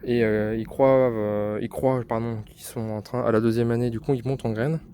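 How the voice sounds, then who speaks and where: A man's voice: medium pitch, steady tone, normal speed, dark tone, smooth. Chatty French gardener touring his plot. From France. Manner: chatty, hesitant with many fillers, self-deprecating. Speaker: gardening vlogger. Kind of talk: casual garden tour. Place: outdoor vegetable garden. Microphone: handheld phone camera. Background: neighbours' party.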